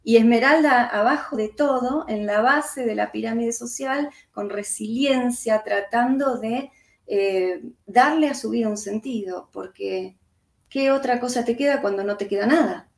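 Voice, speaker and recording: Argentine woman with a gravelly voice. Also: a little high, measured pace, roomy sound. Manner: reflective, thoughtful, with hesitations. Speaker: author and historian. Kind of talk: interview conversation.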